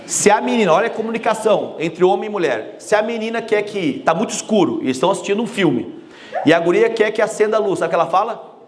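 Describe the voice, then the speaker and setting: A man giving a motivational talk, energetic and joking, speaking straight to the audience. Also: high voice, fast talker.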